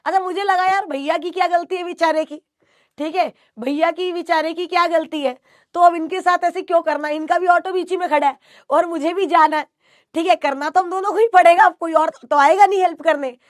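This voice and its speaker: A woman's voice: very high-pitched, steady tone, brisk, no echo, clean studio sound. A woman teacher chatting playfully and affectionately with her students, telling a story and mixing in English phrases. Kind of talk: casual chat and storytelling before class.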